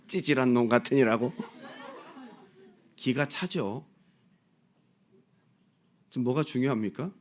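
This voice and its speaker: A male pastor preaching a sermon, asking the congregation direct questions and swinging from loud exclamations to soft asides. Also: mid-range voice, slow pace, pauses often, slight background noise.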